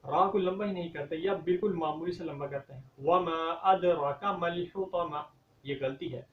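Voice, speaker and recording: A man teaching Quran recitation, explaining common mistakes and reciting verses slowly and drawn out. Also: fairly high pitch, slight background noise. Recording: dull, echoey, from a distance.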